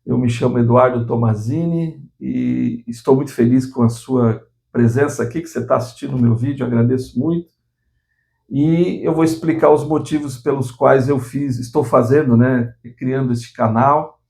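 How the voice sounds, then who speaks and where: A man in his sixties, hosting his own channel, speaks earnestly to the viewer in a motivational talk, often restarting phrases and tacking on tag questions. His mid-range voice has vocal fry and a slightly mellow quality, at a moderate pace.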